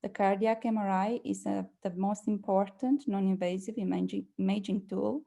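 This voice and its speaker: Woman with a Romanian accent, gravelly low-pitched voice. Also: steady tone, normal speed, warm tone. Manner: careful, hesitant, frequent fillers. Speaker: presenting doctor. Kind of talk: medical case presentation.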